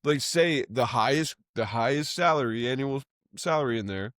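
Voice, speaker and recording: A man co-hosting a casual sports podcast, talking in an emphatic, animated way and cutting off his own swear words. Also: medium pitch, moderate pace, no echo, studio quality. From Boston area. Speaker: podcast co-host.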